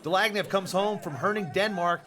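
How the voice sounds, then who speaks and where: A man calling a wrestling match play-by-play in a brisk broadcast delivery. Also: sits high, bright, forceful tone. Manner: brisk broadcast delivery, reads sponsor lists. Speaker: play-by-play commentator. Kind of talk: sports commentary.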